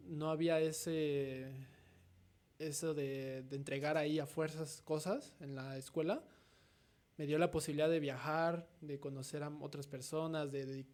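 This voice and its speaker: A man in his twenties with a Mexican accent, speaking as the guest artist in a casual interview. He thinks out loud and ends many thoughts with a questioning "no?". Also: fairly high pitch. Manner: reflective, tags nearly every thought with a questioning "no?".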